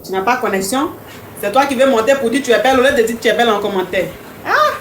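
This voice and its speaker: A woman's voice: on the high side, sing-song, quick pace, reverberant, a little hiss or hum. A woman hosting a live stream, chatting casually and teasingly with viewers, repeating herself often. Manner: repetitive, teasing, talks straight to commenters.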